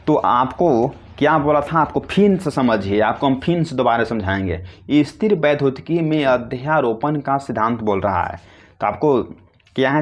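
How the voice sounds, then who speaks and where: Man teaching physics. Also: mid-range voice. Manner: asks questions and answers them himself, repetitive and coaxing; calls students "babu" affectionately. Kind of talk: classroom lecture explaining a derivation.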